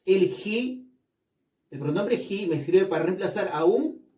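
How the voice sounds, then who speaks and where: High mellow guy teaching a class real slow, repeats stuff, kinda far off the mic. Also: animated, echoey room. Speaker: English teacher. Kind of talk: classroom lesson.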